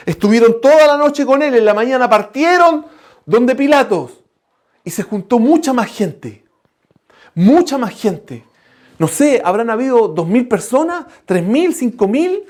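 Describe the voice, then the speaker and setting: Man, sermon preacher, high-pitched, fervent, loud then hushed. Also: very animated, a little slow. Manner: impassioned, shifting between loud outbursts and low hushed lines; addresses the congregation as brothers.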